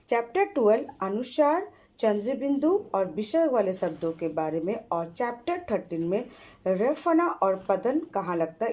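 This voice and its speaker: A woman teacher giving an online lesson to children, pronouncing words slowly and carefully and reading short rhymes aloud twice. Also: mid-range voice, warm tone. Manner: slow, careful word-by-word pronunciation for children; reads rhymes aloud twice in a sing-song way. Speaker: school Hindi teacher.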